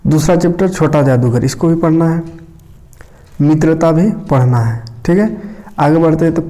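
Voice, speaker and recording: Mellow-voiced male teacher from Jharkhand. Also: a little high, moderate pace. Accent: Jharkhand Hindi. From India. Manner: conversational, tag phrases like "okay" and "isn't it". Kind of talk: casual explanatory lesson.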